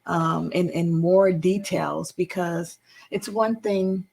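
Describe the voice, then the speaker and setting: A woman's voice: lowish voice, steady tone, slow pace, vocal fry, a little mellow. A woman hosting a faith-based interview show, encouraging her guest and quoting scripture. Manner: encouraging, affirming, quotes scripture. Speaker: podcast host.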